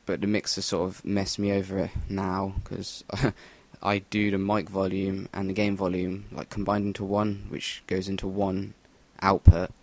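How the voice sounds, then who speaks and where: A man's voice: low voice, monotone, unhurried, hardly any pauses, a little mellow. A young English man giving rambling, sweary voice-over commentary on a shooter game into a cheap USB mic. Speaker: gameplay commentator. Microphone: Rock Band USB mic.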